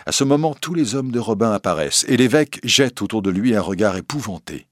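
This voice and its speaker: A man reading a storybook aloud with an expressive, dramatic delivery. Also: on the low side, fairly quick, dry recording, studio quality.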